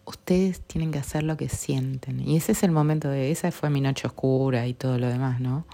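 A woman's voice: very deep voice, fairly even intonation, moderate pace, creaky, dark tone. A middle-aged woman with a Rioplatense Spanish accent, hosting a podcast in an earnest, reflective tone that often sinks to a near whisper. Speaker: podcast host. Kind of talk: reflective personal talk.

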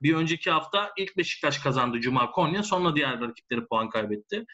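A man's voice: a little high, expressive, quick pace, pushed and bright, lo-fi sound. A man in a casual sports discussion, explaining his points as a commentator and repeating phrases for emphasis. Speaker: football commentator.

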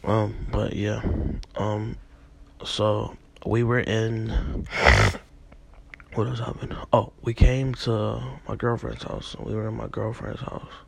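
Young male podcast host, husky and a bit sick, rambling and profane. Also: lowish voice, level tone, slow, darkish tone. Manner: rambling, profane, many fillers. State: a little sick. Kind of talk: casual dream recounting monologue.

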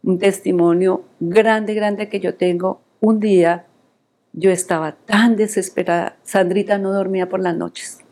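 A woman's voice: mid-range voice, fairly even intonation, a little slow, darkish tone. An older woman giving an earnest, emotional testimony of faith in an interview.

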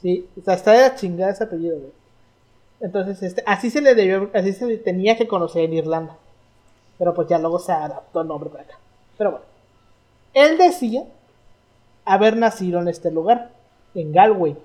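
A woman's voice: fairly low pitch, animated, brisk, long pauses, dark tone. A young woman with a Mexican accent, co-hosting a casual history chat, slangy and storytelling as she goes through her notes. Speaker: podcast co-host.

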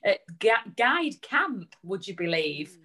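A woman's voice: medium pitch, very animated, slow, a bit bright. A woman chatting casually as co-host, rambling into anecdotes. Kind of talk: casual chat.

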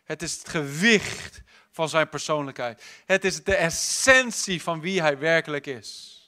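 A man preaching a sermon at a church service, impassioned and moving between loud declarations and hushed, intimate lines. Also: on the high side, expressive, unhurried. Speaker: pastor.

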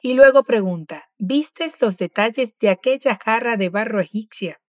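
A woman teaching pronunciation, patient and encouraging as she models words slowly for the learner to repeat. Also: fairly high pitch, dry recording, clean studio sound. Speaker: language teacher. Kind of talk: pronunciation drill lesson.

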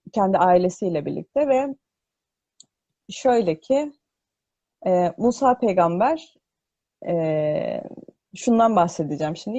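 A woman explaining scripture in an unscripted religious talk, hesitant and pausing to think as she explains, with her voice echoing. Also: lowish voice, dark tone. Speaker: host of a religious discussion broadcast. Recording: echoing voice, muffled online audio.

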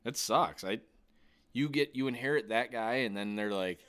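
A man's voice: mid-range voice, normal speed, fairly bright tone. Profane, ranting man in his thirties. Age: 30s. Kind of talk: casual sports chat.

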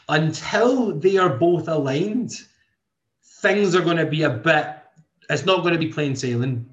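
A man's voice: a little high, fairly bright tone. Earnest young man, muffled. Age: 20s. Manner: earnest, thinks aloud with many restarts. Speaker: podcast host and coach. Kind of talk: motivational podcast talk. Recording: dull lo-fi sound.

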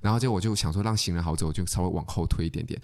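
A man chatting casually, telling an animated story, often laughing and stammering when he gets worked up. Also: low-pitched, very fast. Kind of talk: casual chat. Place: lives in Australia.

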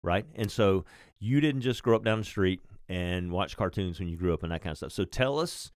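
A man hosting a podcast interview, relaxed and hesitant, with many fillers and restarts. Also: low-pitched, a little fast, clean tone, no echo, clean studio sound. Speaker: podcast host. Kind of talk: conversational interview.

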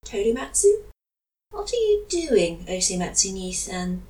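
A woman's voice: mid-range voice, sing-song, unhurried, dark tone. A woman voicing a sassy, exasperated youngest brother. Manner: exasperated, snippy.

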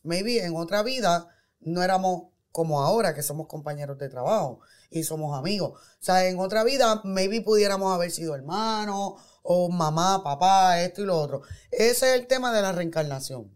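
A woman, co-hosting a casual podcast chat, explaining ideas eagerly and asking quick questions. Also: on the low side, expressive. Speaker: podcast co-host.

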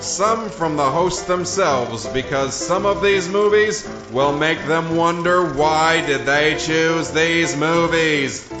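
A man's voice: on the high side, takes it slowly, hardly any pauses. A man reading a scripted podcast introduction in a theatrical, portentous way. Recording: roomy echo under music.

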